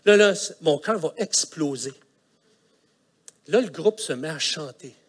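A middle-aged man with a Quebec French accent, preaching a sermon as a colloquial, animated story with vocal sound effects. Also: fairly high pitch, unhurried, husky. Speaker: pastor.

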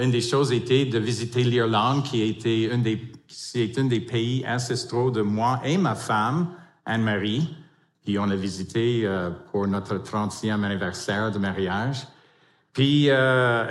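A man in his fifties whose first language is English, giving a church sermon with an English accent, halting with many fillers and restarts. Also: mid-range voice, roomy sound. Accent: English-speaking, in French. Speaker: pastoral council member.

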